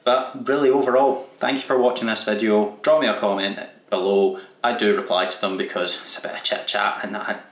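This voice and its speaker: Male vlogger, dry self-mocking chat, lower register, roomy echo. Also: fairly even intonation, brisk, few pauses. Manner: sarcastic, self-deprecating, sweary. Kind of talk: casual vlog outro. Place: home games room indoors.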